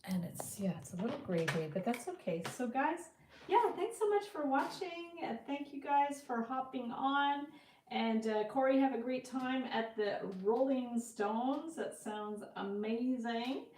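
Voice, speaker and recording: A high-pitched Canadian woman with lively intonation and a measured pace gives a live craft tutorial, thinking aloud as she works. She's chatty, slipping into a soft murmur or whisper while concentrating on her hands. There's a little hiss or hum in the audio.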